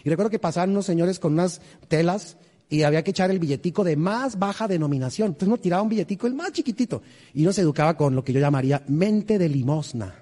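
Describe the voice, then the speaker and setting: Animated pastor, reverberant church. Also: male voice, high-pitched, fast talker. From Colombia. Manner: animated, humorous, quizzes the congregation. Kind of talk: storytelling sermon. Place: large church in Houston.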